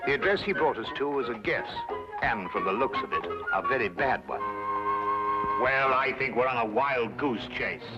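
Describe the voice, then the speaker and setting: A man's voice: medium pitch, animated, normal speed, natural voice. An English actor playing a fussy, easily alarmed male doctor and sidekick, protesting properly in an old-time radio drama. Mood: grumbling. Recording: dull old radio recording, music behind.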